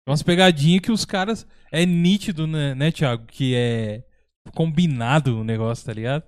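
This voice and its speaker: A man hosting a casual chat, relaxed, laughing along and asking follow-up questions. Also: a little high, moderate pace, clear, resonant tone, no room sound, studio quality.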